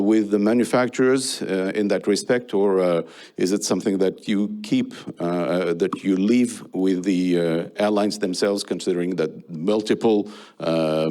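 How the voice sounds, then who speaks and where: A man moderates a conference panel, his fairly low voice stopping and starting as he searches for words. His questions run long and halting. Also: darkish tone. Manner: hesitant, many fillers and restarts. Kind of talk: round-table moderation.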